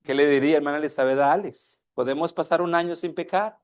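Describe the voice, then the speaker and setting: A man's voice: fairly high pitch, fast. Spanish-speaking pastor preaching to his congregation. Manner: asks the congregation questions, acts out a father and child dialogue. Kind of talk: sermon.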